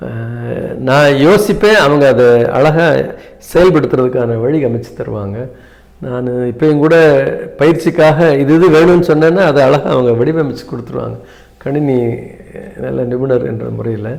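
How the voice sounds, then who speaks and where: Man, 70s, interview guest; measured, hesitant delivery with fillers and occasional English phrases. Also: medium pitch, vocal fry, darkish tone. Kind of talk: reflective interview talk.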